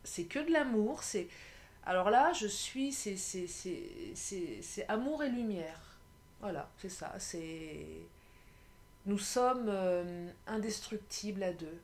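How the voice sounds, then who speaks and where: A woman from France giving a casual tarot reading in a vlog, effusive and halting, full of restarts, speaking to her viewers as dear friends. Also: mid-range voice, animated. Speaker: tarot card reader.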